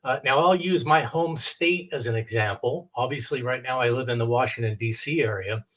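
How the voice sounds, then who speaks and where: A man's voice: medium pitch, normal speed, a bit bright. Middle-aged American man presenting step by step. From United States, Oregon. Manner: courteous, explanatory, step-by-step. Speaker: technical director and adjunct lecturer. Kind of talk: instructional presentation with screen share.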